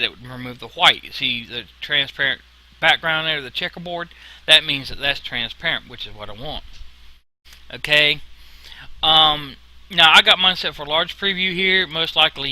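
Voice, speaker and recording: A man giving an informal software tutorial in a casual, folksy way, with a whistle on his s sounds. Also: fairly high pitch, rough recording. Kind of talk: informal screen-recorded tutorial narration.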